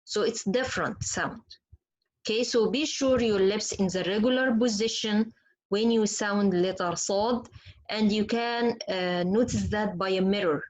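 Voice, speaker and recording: A woman's voice: mid-range voice, a little slow, poor audio. A woman whose first language is Arabic, teaching Quran pronunciation in an online lesson and demonstrating letter sounds patiently.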